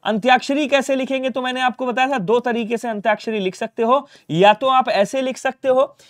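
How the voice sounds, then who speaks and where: High-voiced Hindi teacher drilling spellings. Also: male voice, steady tone, fairly quick, no echo, clean studio sound. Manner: coaxing, asks the class questions and answers them himself; repeats reminders to remember. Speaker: Hindi teacher for exam prep. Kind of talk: online exam-prep lesson.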